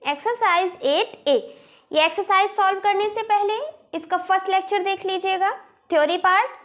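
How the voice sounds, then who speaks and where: A woman's voice: extremely high pitch, moderate pace, a bit bright. A woman teaching a maths lesson online in a patient manner, explaining each step and asking rhetorical questions as she goes.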